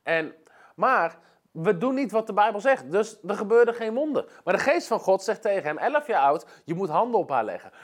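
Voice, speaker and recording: Animated man preaching. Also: sits high, moderate pace. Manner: storytelling with emphatic repetition. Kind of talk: sermon.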